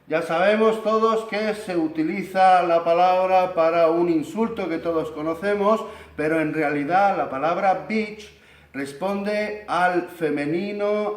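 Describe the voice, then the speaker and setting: A man from Spain with a Spanish accent, explaining English pronunciation slowly and demonstrating long vowels. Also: fairly high pitch. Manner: slow, deliberate, stretches vowels to demonstrate. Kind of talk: explanatory video lesson. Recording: echoey room.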